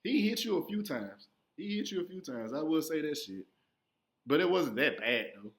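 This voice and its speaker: A young man telling a profane stand-up story, acting out his younger self in sudden high squeaky voices. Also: very animated, normal speed. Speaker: stand-up comedian.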